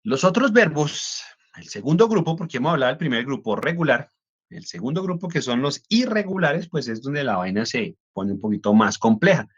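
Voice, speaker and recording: A man's voice: medium pitch, big pitch swings, fairly quick, husky. A man, an English instructor explaining pronunciation in a class, often checking in with "¿no?". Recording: dull lo-fi audio.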